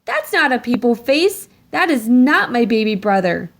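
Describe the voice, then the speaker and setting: A stubborn little girl from a storybook, acted out by a woman, who objects to everything she doubts. Her voice sits a bit high and swings up and down emphatically as she flatly states her case. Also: moderate pace. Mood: indignant. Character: skeptical, stubborn little girl, an older sister.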